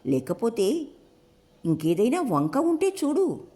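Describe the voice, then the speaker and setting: A woman's voice: a little high, wildly swooping pitch, slow pace, warm tone, voice pushed up, heavily acted. A woman narrator voicing a hurt young man who speaks in a taunting, sarcastic way in an audiobook. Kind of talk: audiobook character voice.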